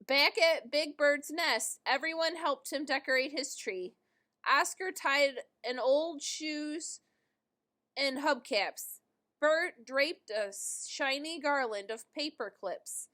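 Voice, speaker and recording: A woman with a high-sitting voice reads a children's storybook aloud, telling the story in an expressive, deliberate way.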